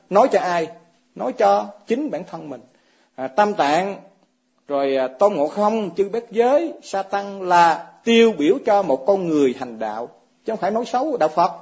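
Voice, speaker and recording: Teaching his fellow monks, this man speaks in a husky, high-pitched voice with a darkish tone, posing questions and chuckling frequently through his dharma talk. It's captured on a dull, lo-fi recording.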